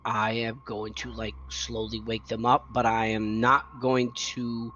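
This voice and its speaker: A man's voice: medium pitch, completely flat delivery, measured pace, sharp tone. A man speaking casually as a player in a tabletop role-playing game. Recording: dull home mic with background noise.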